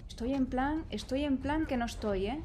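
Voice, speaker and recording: A young woman, commentating her own gameplay with a high voice. She talks nervously to the characters on screen and exclaims often. Faint background noise sits behind her. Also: moderate pace, dark tone. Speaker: gaming streamer. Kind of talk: let's play commentary.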